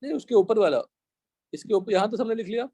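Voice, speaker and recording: In this live classroom lecture, a young Indian man with a high, mellow voice teaches chemistry, dictating slowly in English in an animated, slightly rough manner. The recording is dry, without room echo. He breaks each point into steps and often stops to make sure his students have understood.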